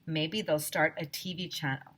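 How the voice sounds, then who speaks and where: Speaking straight to young listeners, a female teacher gives an animated, emphatic reading of a children's story. Her voice is low-pitched and her pace is normal.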